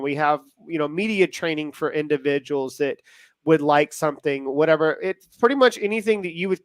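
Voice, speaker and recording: A man with an American accent and a high voice, recorded dry. He co-hosts a casual live show, rambling excitedly and often restarting his thoughts midway. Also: no echo. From United States. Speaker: show co-host.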